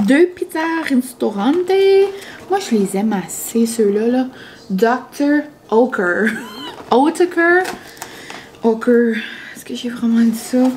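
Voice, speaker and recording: A woman's voice: high voice, mellow, a little hiss or hum. A young woman, chatting casually for her vlog, full of fillers and dropping in English words. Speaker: vlogger. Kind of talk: casual chat.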